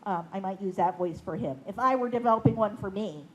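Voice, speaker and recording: A woman's voice: medium pitch, quick pace, poor audio. A woman puppeteer explaining casually how she finds voices for her puppets. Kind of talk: casual workshop talk. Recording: faint background noise.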